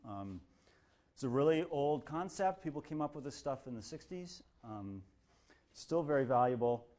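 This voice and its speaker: A man's voice: medium pitch, moderate pace. A man lecturing a university class in a casual, joking way, acting out little quoted voices as he explains. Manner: lively, jokey, acts out quotes. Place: lecture hall.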